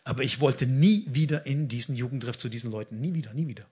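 Husky man telling a lively testimony. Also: mid-range voice, quick pace. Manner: animated storytelling, acts out dialogue; blunt, colloquial and jokey. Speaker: preacher giving a testimony.

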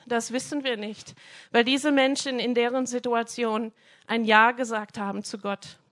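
Lively, colloquial woman preacher. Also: fairly high pitch, a little slow. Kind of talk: casual devotional talk.

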